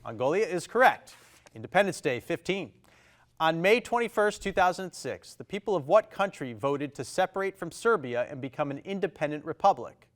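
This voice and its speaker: A man with a Maine accent hosts a TV quiz show from the studio, reading questions at a brisk, upbeat clip. His voice sits a little high with a fairly bright tone and lively intonation, and he reacts quickly to every answer.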